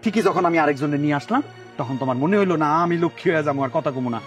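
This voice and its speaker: An actor playing a scheming husband who takes a second wife, talking in a lively dialect-heavy way. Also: male voice, on the high side, faint music behind, natural voice. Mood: lecturing. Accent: Bangladeshi Bangla dialect. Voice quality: animated, lively, fast talker. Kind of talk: comic TV drama.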